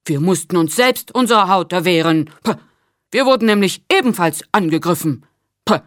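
A woman's voice: fairly low pitch, animated, unhurried, no echo, studio quality. A woman voicing a proud, touchy male winged lion who speaks in an offended tone and huffs between phrases.

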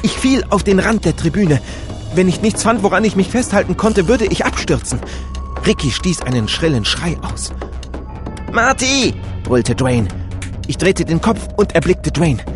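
Animated male audiobook narrator. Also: sits high, normal speed, over music. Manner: animated, dramatic reading with many character voices. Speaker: audiobook reader. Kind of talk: first-person story narration.

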